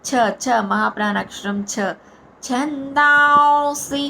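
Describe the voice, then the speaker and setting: Slow, bright-voiced woman teaching chanting. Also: fairly high pitch, a little hiss or hum, rough recording. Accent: Telugu. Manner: repeats each syllable, explains stress and long vowels. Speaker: Sanskrit recitation teacher. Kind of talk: slow syllable-by-syllable chanting lesson.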